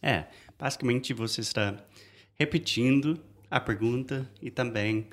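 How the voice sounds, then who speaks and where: A man's voice: medium pitch, unhurried. A man whose first language is English, co-hosting an English lesson and modeling phrases patiently, often repeating "perfect". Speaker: English teacher, co-host. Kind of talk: bilingual lesson chat.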